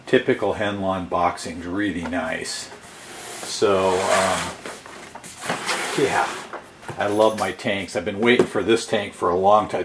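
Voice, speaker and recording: A man hosting a hobby channel, casually unboxing a model tank in a relaxed, rambling way with lots of fillers. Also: low-pitched. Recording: echoey room with background noise.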